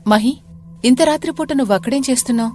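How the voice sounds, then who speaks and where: Woman playing a startled young man, higher than her own voice, loud, urgent questions, quick, storybook reading. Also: close to an everyday voice.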